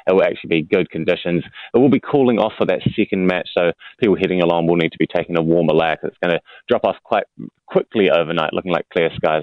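A man's voice: low voice, no echo, highs cut off. A man with a New Zealand accent explaining the weather informally in a conversational radio interview. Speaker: weather forecaster.

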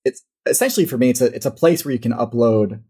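A man's voice: medium pitch, fast, warm tone, breathy edge. A man with a Midwestern American accent, talking casually as a podcast guest, rambling and correcting himself as he explains. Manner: rambling, self-correcting, laughs often. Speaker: guest, animal-ranking YouTuber.

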